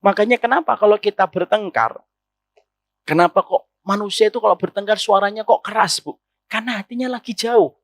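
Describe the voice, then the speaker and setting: Male preacher, sermon, high voice, rhetorical questions, dry close sound. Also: fairly quick, dry recording. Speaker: Islamic preacher. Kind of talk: sermon to a women's audience.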